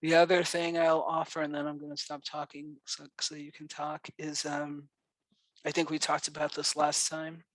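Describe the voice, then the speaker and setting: A man with a New York accent giving a gentle, encouraging dharma talk to a meditation group, speaking unhurriedly with pauses. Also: a little high, monotone, dry recording. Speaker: meditation teacher.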